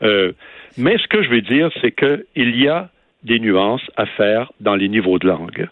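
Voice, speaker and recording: A man's voice: on the low side, expressive, a little slow, dry recording. A man with a Québécois French accent argues his case in an emphatic, lecturing tone, like a guest calling in to a radio debate. His voice comes through a narrow, tinny telephone line with no room sound at all. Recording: dry phone line.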